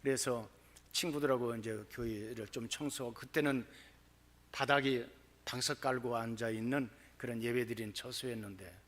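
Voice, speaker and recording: A man preaching a sermon, telling his own story in an animated way that turns loud and excited. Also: medium pitch, normal speed. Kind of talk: sermon testimony. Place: church.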